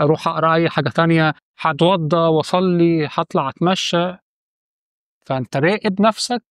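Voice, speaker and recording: A man's voice: fairly high pitch, fairly bright tone, clean tone, no room sound, clean studio sound. A man with an Egyptian Arabic accent giving direct, coaching advice to the viewer in a casual monologue. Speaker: channel host giving quit-smoking advice.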